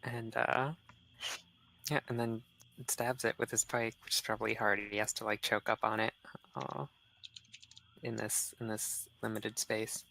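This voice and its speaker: A man's voice: lowish voice, monotone, a little slow, vocal fry, long pauses, pushed and bright, a little hiss or hum, poor audio. A man playing a tabletop roleplaying game, chatting casually about his character's moves.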